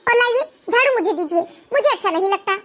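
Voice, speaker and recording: A sly middle-aged mother schemes in a high, sugary cartoon voice, as a woman plays her. Her talk is falsely kind and coaxing, with an edge of cunning underneath. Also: expressive, fast talker, a bit bright. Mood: scheming. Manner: falsely sweet, honeyed. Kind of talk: cartoon voice acting.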